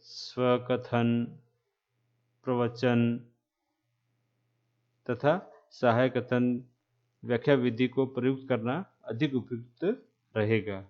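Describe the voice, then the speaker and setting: A man lecturing trainee teachers, speaking slowly and repeating key terms, with frequent checks that the class is following. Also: medium pitch, level tone, lo-fi sound. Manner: asks "है ना?" to check understanding.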